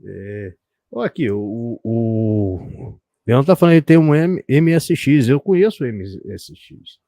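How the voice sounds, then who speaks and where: A man's voice: medium pitch, lively intonation, measured pace, mellow, no room sound. A middle-aged Brazilian man with a Brazilian Portuguese accent hosting a live-stream interview, chatting and reminiscing in a rambling way. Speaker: host.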